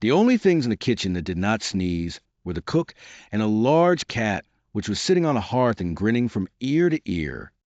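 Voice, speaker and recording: A man narrating a classic children's tale as an audiobook, in a lively, expressive way. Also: on the low side, normal speed, dry recording, highs cut off.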